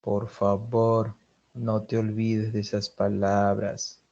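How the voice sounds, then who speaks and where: A man's voice: lowish voice, monotone, slow pace, gravelly, mellow, dull audio. A man with a Peruvian Spanish accent teaching a vocabulary class, listing synonyms and checking in with his students. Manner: drills vocabulary lists, checks in with students often. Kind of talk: online class lecture.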